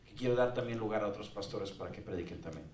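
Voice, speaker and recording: A man's voice: on the low side, quick pace, darkish tone. A male pastor preaching a sermon in a conversational way with joking asides. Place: church sanctuary. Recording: roomy church sound from a distant mic.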